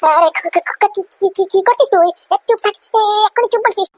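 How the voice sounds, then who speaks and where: A woman playing an anxious mother who hushes her son and tries to placate her husband in a comedy sketch. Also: very high-pitched, racing, no room sound. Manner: pleading, hushing, placating.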